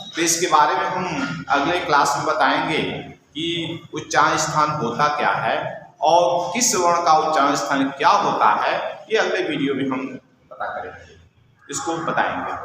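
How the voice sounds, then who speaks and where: A man's voice: fairly high pitch, noisy background. Man teaching in a very echoey room. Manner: explains step by step, repeating key terms, asking and answering his own questions. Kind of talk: classroom lecture. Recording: echoey room with long reverb.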